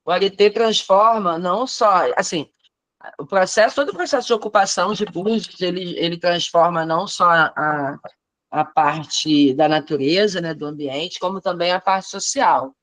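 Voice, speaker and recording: A woman speaks in a lowish, measured voice on a video call. Her sound is close and dry, with no room around it. She talks in a reflective way, often checking in with "né?". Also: a bit bright, no room sound. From Rio de Janeiro. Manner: thoughtful, measured, frequent "né?" tags. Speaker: teacher in a training course.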